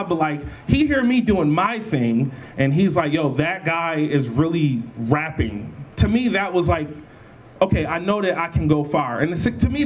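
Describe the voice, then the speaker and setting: A young man speaking as a panelist at a convention, animated and laughing often, with lots of restarts. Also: on the high side, slight background noise. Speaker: panelist, battle rapper. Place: college event room.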